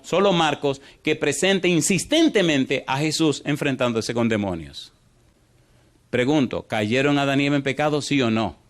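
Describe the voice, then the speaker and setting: A man preaching a sermon as pastor, animated, quizzing the congregation with repeated yes-or-no questions and swinging between rushed and drawn-out delivery. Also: a little high. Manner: animated, shifts pace from fast to drawn out.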